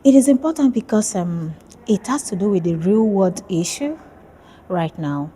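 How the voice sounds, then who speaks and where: A woman's voice: medium pitch, expressive, normal speed, dark tone, slight background noise. A woman from Nigeria, a PhD student, talking about her research in a casual interview, friendly and hesitant with many fillers.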